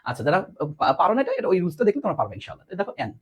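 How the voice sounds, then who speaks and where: A man's voice: high-pitched, rapid-fire, a little hiss or hum. A man teaching a live online class, repeating words and quizzing students. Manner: animated, repeats words, asks students questions.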